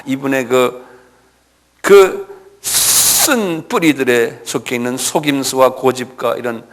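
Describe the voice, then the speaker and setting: A man's voice: fairly low pitch, vocal fry, long reverb tail. A male pastor preaching an expository sermon, retelling scenes animatedly with rhetorical asides.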